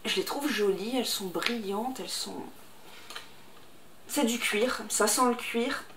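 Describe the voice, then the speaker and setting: A woman with a fairly high voice talks casually to camera at home, hesitating often and filling gaps as she unboxes parcels. The room is echoey and there is clear background noise throughout. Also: measured pace. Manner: chatty, hesitant with many fillers. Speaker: unboxing vlogger.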